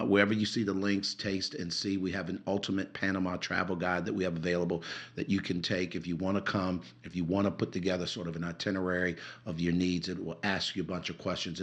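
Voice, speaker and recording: A man's voice: deep voice, fairly bright tone. A middle-aged man with a Southern accent, co-hosting a casual podcast as a relationship coach, talking loosely with fillers.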